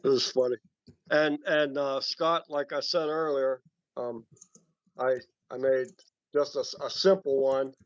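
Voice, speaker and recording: A man speaking over a conference call from his cell phone, halting and repeating words as he explains a woodturning project. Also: mid-range voice, flat delivery, no echo. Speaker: woodturning club member showing his work. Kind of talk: casual chat on a group call. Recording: dull dry phone-call audio.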